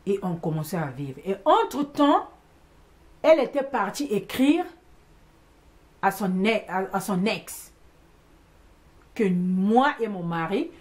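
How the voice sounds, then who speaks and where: A woman's voice: medium pitch, slow pace, pauses often. Emphatic woman telling a story. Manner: animated, emphatic, repeats words for stress; mixes in English exclamations. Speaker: vlogger recounting a household conflict. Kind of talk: casual storytelling monologue.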